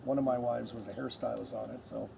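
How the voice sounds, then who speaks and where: A man's voice: mid-range voice, flat delivery, fast, over a noisy crowd. A man who has long worked in film crews, telling wry stories about the business as a guest on a convention panel. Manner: gravelly, wry industry anecdotes.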